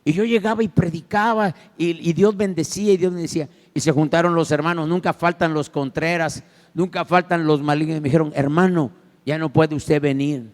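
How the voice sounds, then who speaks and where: A man with a Mexican Spanish accent preaching a sermon as pastor, telling a story dramatically and swinging from loud to hushed. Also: fairly high pitch, steady tone, a little fast. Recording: long church hall reverb.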